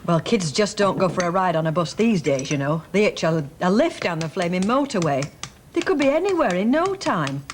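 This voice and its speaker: A woman's voice: lowish voice, big pitch swings, a little fast. An actress playing an anxious, insistent middle-aged woman, heard from a worn VHS tape copy with faint hiss and clicks. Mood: worried. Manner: worried, insistent.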